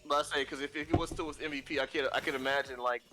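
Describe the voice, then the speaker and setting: A man's voice: mid-range voice, fairly even intonation, very fast, pushed and bright, soft background music. A man in casual chat while playing a video game, rambling with lots of fillers and restarts. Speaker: guest.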